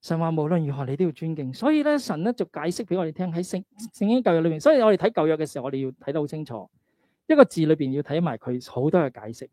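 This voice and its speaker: A male pastor gives a conversational sermon in a Hong Kong Cantonese accent. His voice sits fairly high for a man and has a very soft, mellow tone. He exhorts his listeners, often posing questions and checking that they follow. The recording is close and dry. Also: very animated, very fast, dry recording. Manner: exhorting, asks rhetorical questions and check-in tags. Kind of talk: conversational sermon with scripture readings.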